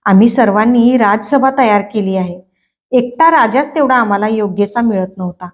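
Brief: woman doing a boy playing a court minister, formal and ceremonious, slightly raised pitch, storybook reading. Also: normal speed, natural voice.

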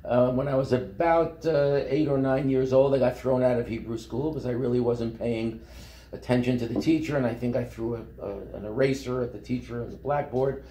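A man, telling his life story in a relaxed, rambling way with many fillers and restarts. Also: medium pitch, a little fast, echoey room. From Brooklyn, New York. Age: 70s. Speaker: company founder. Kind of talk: interview storytelling. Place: office meeting room.

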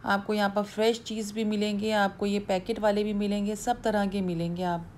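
Soft music underscores this woman's casual supermarket vlog, where she chats her way down the aisles and explains the products like a tour guide. She speaks briskly at a medium pitch, with a flat, slightly mellow delivery.

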